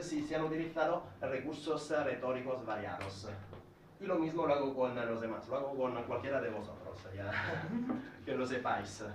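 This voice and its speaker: A man's voice: fairly high pitch, slight background noise. A man from Italy with an Italian accent gives an educational talk at a speaking club, methodically listing points and explaining each with examples. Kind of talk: educational talk to a live audience. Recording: echoey room, recorded from a distance.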